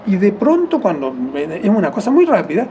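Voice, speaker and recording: A Chilean man being interviewed, speaking in a mellow, warm tone. He wanders through his thoughts, restarts phrases and corrects his words as he goes. A faint hum of background noise sits beneath his voice. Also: sits high, huge pitch swings, a little fast. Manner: rambling, self-correcting, with soft chuckles. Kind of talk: reflective conversational explanation.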